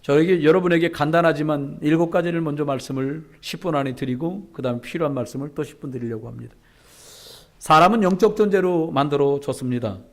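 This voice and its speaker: A man's voice: a little high, quick pace. A man pastor preaching a sermon in a church, conversational and joking with the congregation. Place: church sanctuary.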